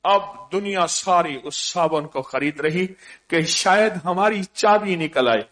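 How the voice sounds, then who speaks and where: A man giving a sermon full of anecdotes, repeating phrases for emphasis and swinging from loud stresses to hushed murmurs. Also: high-pitched. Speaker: religious speaker.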